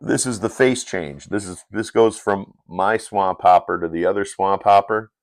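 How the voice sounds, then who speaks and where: Low-voiced man, casual live-stream commentary, dry room. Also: normal speed, no echo. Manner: casual, rambling, with self-corrections. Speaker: comic book creator. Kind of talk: live-stream comic walkthrough.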